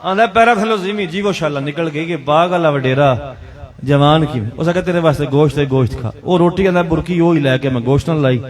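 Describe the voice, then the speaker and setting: A man with a Punjabi accent reciting a Shia majlis sermon, telling a story in mixed Urdu and Punjabi and calling out to the crowd. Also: a little high. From Pakistan. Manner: mixes Urdu and Punjabi, dramatic storytelling with chanted calls to the crowd.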